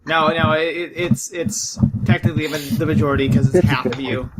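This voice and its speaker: A man narrating as game master of a tabletop game, halting and restarting often as he talks. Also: fairly high pitch, a loud crowd, rough recording.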